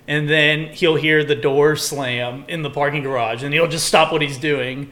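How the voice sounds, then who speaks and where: A man's voice: fairly high pitch, normal speed. A young man chatting casually as a podcast co-host, rambling and swearing freely as he rants. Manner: rambling, profane, animated when ranting. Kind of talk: casual chat.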